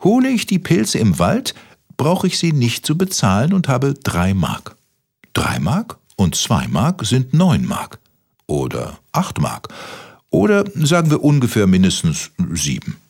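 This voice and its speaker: A man's voice: mid-range voice, wildly swooping pitch, unhurried, creaky, darkish tone, breathy edge, voice pushed up, full character voice. A man voicing a cheeky, scheming little boy puppet in a children's story. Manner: cheeky, sing-song.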